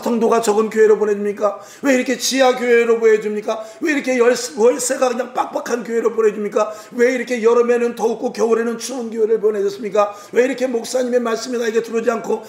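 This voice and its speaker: A male pastor preaching a Wednesday sermon, exhorting his congregation and acting out biblical scenes. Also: extremely high pitch. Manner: exhorting, acts out biblical dialogue, jokes. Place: church sanctuary. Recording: echoey church hall.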